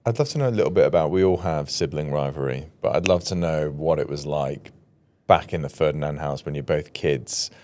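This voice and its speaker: A man hosting a podcast, asking curious, thoughtful questions and giving soft affirmations. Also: rumbling low, fairly quick, few pauses. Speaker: podcast host. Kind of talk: interview questions.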